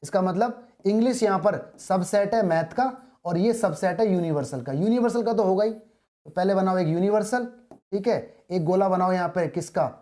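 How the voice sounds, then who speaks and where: A woman's voice: mid-range voice, dark tone. A woman teaching a maths lesson, asking questions and answering them herself and repeating the key points. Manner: repeats key points, reads English text slowly. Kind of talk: classroom maths lesson in Hindi.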